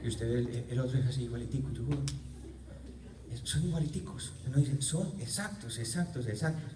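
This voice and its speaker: A man's voice: medium pitch, a little fast, noisy background. A man preaching at a healing retreat, telling personal stories with humor and repeating key words for emphasis. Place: parish church. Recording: roomy church, mic far off.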